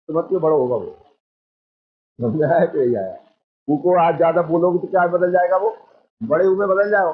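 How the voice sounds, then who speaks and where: Man teaching on a tinny line. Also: high-pitched. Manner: drills the class with repeated questions. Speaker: Hindi teacher. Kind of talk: exam coaching lecture. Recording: tinny phone-like sound.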